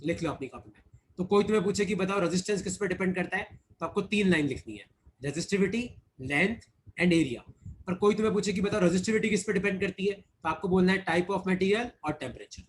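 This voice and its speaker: A man's voice: high-pitched, a little fast. A man teaching physics in an online class, explaining step by step, repeating key points and teasing his students.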